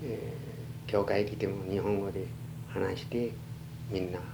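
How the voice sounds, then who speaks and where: Elderly man with western Japanese accent, halting. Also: on the low side, fairly even intonation, creaky. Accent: western Japanese, Chugoku. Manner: halting, plain-spoken elder recollection. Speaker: oral history interviewee. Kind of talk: reminiscing in an interview. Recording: noisy archival tape with hum.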